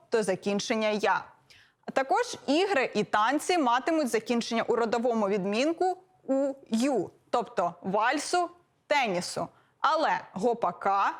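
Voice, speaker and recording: A woman with a fairly high voice presents a grammar lesson from a script. She moves steadily through lists of example words, one after another, in a measured teaching manner. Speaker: philologist presenter. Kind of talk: scripted educational explanation.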